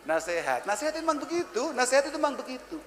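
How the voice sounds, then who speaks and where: A man's voice: very high-pitched, sing-song, rapid-fire. A man in his thirties with a Javanese accent, preaching a humorous sermon to a live crowd, blunt and teasing, mixing Arabic recitation with jokes. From Java, Indonesia. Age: 30s. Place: large event hall. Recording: echoey hall with long reverb, faint crowd ambience.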